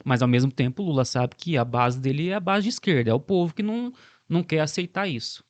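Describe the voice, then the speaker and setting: A man's voice: fairly high pitch, lively intonation, fast, no room sound. A man with a Brazilian Portuguese accent discussing politics as a podcast host, reflective and building long arguments, often ending remarks with a questioning tag.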